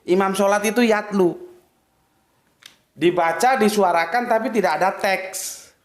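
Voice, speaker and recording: A man gives a casual religious lesson, talking straight to his listeners and checking that they follow along. His voice sits a little high for a man. The room around him is echoey. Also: a little slow. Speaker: religious teacher. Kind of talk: informal religious lecture.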